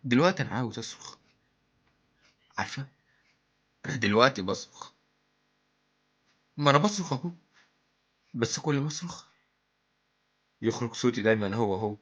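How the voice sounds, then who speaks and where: An actor playing a melancholy toy in a plaintive, hammy theatrical stage monologue, with an Egyptian accent. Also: male voice, mid-range voice, animated, moderate pace, long pauses, a bit bright. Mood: anguished frustration. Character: melancholy male toy lamenting its lifeless painted existence.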